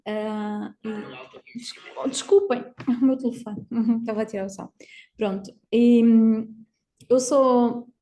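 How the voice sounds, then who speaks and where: A woman from Portugal with a European Portuguese accent, moderating an academic online panel and often pausing with "ah" and "não é?". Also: a little high, steady tone, warm tone, a little hiss or hum. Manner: hesitant, fills pauses with "ah" and tags "não é?". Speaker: session debater and moderator. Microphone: video call.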